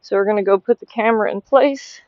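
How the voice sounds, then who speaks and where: A woman's voice: mid-range voice, fast, a little mellow, no echo, lo-fi sound. A woman giving hands-on horse training instruction, explaining as she goes and breaking off for short commands and praise to the animal. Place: horse barn aisle, later an outdoor riding ring.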